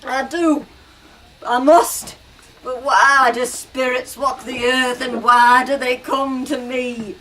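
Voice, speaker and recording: A woman's voice: steady tone, slow. Woman playing a terrified old miser. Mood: pleading, fearful. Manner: pleading, raised higher and louder. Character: frightened miserly old man Scrooge. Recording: distant mic, noisy room.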